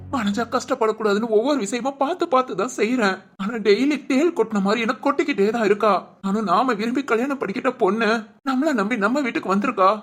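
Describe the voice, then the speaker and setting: A woman's voice: a little high, natural voice. Woman playing a patient, soothing young husband. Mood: weary. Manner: soothing, pleading reassurance. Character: patient young husband and father, gentle and hopeful. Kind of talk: storybook short drama.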